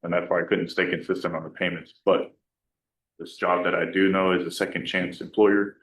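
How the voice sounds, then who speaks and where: Man, defendant, very low monotone voice, hesitant, soft-spoken, distant and roomy courtroom sound. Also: fairly quick. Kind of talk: answering in court. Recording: echoey courtroom, voice far from the mic.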